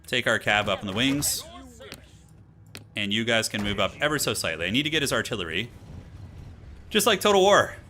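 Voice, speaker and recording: A man's voice: medium pitch, very animated, normal speed, pauses often, sharp tone. A man giving casual, slangy live commentary as he plays a strategy game, thinking aloud. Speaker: streamer playing a strategy game. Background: game music.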